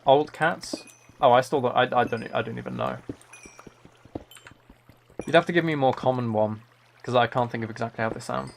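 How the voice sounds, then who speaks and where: A livestreamer and author chats casually on a gaming stream, playful and rambling, trying out impressions of game sounds. His mid-range voice is gravelly and steady, brisk but with long pauses. Keyboard typing and clicking sit in the background over faint noise.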